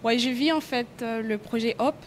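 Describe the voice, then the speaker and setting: A woman's voice: a little high, normal speed. A woman from Goma, a dancer, answering interview questions hesitantly with many fillers. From Goma, DR Congo. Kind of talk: casual interview. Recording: faint background noise.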